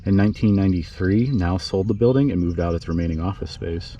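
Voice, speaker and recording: Hushed so the neighbours won't wake, a low-voiced man talks fast as he narrates cemetery history for his vlog on a casual tour outdoors. He's in a small neighbourhood cemetery, and the slightly muffled recording picks up outdoor background noise.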